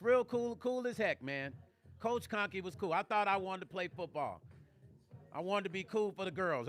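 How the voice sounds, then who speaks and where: High-voiced emotional man livestreaming. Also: bright, forceful tone. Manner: emotional, rambling, addresses viewers directly. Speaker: vlog host. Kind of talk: casual livestream talk. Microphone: studio mic, close.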